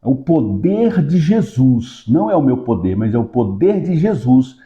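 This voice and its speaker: A pastor with a very dark, mellow voice teaches a church lesson, walking through a hands-on demonstration one step at a time. He keeps checking in with his viewers as he goes. The sound is roomy and a bit dull. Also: sing-song, measured pace. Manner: raises pitch in rhythmic command when casting out. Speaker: pastor and Sunday school teacher.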